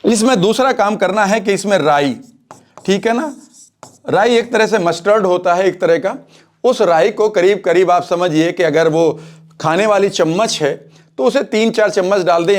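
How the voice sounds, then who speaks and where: Guy with a high voice walking you through a recipe step by step, keeps asking "ok?", drops english words in. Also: moderate pace. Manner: explains step by step, keeps checking in with the viewer; mixes English phrases into Hindi. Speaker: wellness coach. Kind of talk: home recipe instruction.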